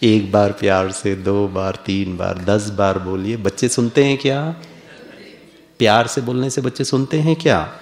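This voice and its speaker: A man's voice: fairly low pitch, unhurried. A man giving a playful spiritual lecture to a live audience, coaxing them through a smiling exercise. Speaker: spiritual speaker.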